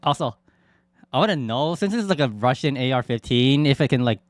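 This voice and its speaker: A man's voice: medium pitch, expressive, a little fast, slight background noise. A man from Canada doing casual reaction commentary as a streamer.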